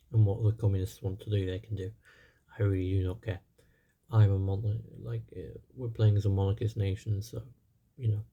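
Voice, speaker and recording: A man's voice: on the low side, creaky, dark tone, lo-fi sound. A young man, slightly tired, giving casual, rambling commentary over a strategy game with lots of fillers. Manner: rambling, many fillers and hedges. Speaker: gaming channel host.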